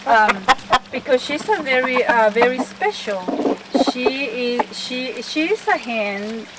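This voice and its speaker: A woman's voice: sits high, expressive, slow. Woman from El Salvador, distant mic. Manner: friendly, slightly broken English. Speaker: backyard chicken keeper. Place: backyard with chickens. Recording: distant mic with background noise. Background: chickens.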